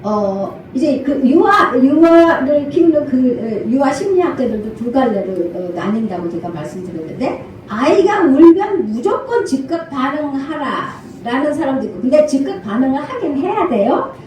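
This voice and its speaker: An older woman pastor preaching a sermon, animated, acting out parent and child voices and laughing often. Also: sits high, normal speed, few pauses, a little hiss or hum. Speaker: senior pastor. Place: church sanctuary. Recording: echoey church hall from far off.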